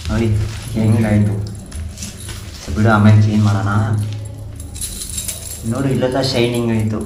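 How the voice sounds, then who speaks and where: A man's voice: on the low side, fairly even intonation, normal speed, darkish tone. A man with a Kannada accent, a vlogger chatting casually at home and repeating himself to comfort someone. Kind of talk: casual vlog chat. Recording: echoey room with faint noise.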